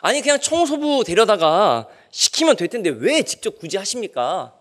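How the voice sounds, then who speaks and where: A man plays a rich young seminary student, indignant and pleading, in a story told from the pulpit. His voice climbs high and swings widely as he complains to the dean. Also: very animated, normal speed, a bit bright, full character voice.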